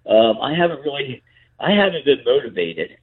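A guest musician talks by phone from home in a casual interview, wry and gloomily self-mocking, first on the handset and later on speakerphone. His medium-pitched voice swings widely in pitch at a normal speed, and the line sounds tinny and muffled.

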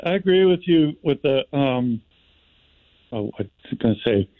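A man's voice: mid-range voice, expressive, normal speed, no room sound. A male caller speaking over the phone in a folksy, rambling way, sometimes searching for his words. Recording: tinny phone line.

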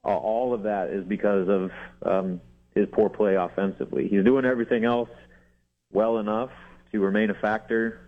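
A man's voice: lowish voice, moderate pace. Man on a tinny phone line. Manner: relaxed, frequent fillers and restarts. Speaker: guest sports reporter. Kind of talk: casual radio chat. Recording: phone-line call-in audio.

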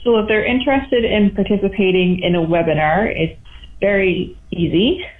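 A woman's voice: mid-range voice, moderate pace, slight background noise. A woman giving information in a radio interview as an industry representative. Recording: echoey, tinny phone line.

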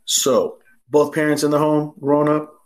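A man's voice: on the high side, level tone, normal speed. Playful New man hosting a show. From Harlem, New York. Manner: playful, rhyming, repeats phrases for emphasis. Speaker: podcast host. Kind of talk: casual interview chat.

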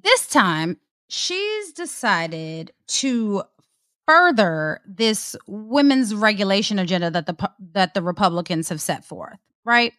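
Lively sarcastic woman podcast host. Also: medium pitch, takes it slowly, smooth, no room sound, studio quality. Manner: sarcastic, animated commentary. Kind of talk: casual podcast chat.

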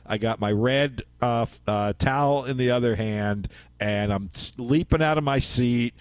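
Chatty, rambling sports radio host. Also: male voice, medium pitch, normal speed, smooth, no room sound. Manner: rambling, chatty storyteller who laughs at himself. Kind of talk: casual radio chat.

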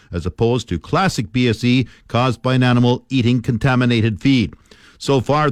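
A man's voice: mid-range voice, no room sound, studio quality. A man reading scripted farm news and market prices as a radio presenter.

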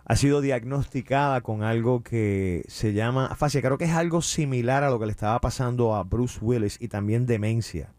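Chatty radio host, dry mic. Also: male voice, mid-range voice, moderate pace, few pauses, darkish tone, no echo. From Puerto Rico. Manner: mixes English phrases into Spanish, chatty. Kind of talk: casual radio talk.

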